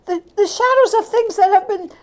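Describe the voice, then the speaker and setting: During a dramatic storybook reading, a woman voices a repentant old miser man, stammering and exclaiming with overwrought emotion as he goes from pleading to giddy joy. She speaks very high-pitched, above her natural voice, and fairly quickly, sounding giddy and overjoyed.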